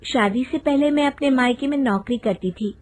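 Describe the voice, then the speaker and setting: A woman's voice: high-pitched, moderate pace, darkish tone, pitched above the performer's own voice. A woman doing a shy young daughter-in-law. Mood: polite. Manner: polite, hesitant.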